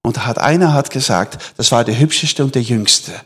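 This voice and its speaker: A man preaching a sermon to a congregation, animated, swinging between loud emphatic lines and soft near-whispers. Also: medium pitch, moderate pace, slightly rough.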